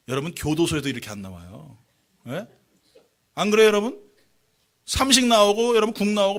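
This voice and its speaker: Bright, high-voiced pastor preaching. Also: male voice. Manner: lively, jokey preaching that calls out to the congregation. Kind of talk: sermon. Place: church sanctuary.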